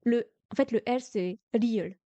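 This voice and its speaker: A woman's voice: fairly high pitch, fairly quick, warm tone, dry recording, lo-fi sound. A young French woman teaching Korean grammar on a live stream, explaining patiently with many hesitations and restarts, sounding tired. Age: young adult.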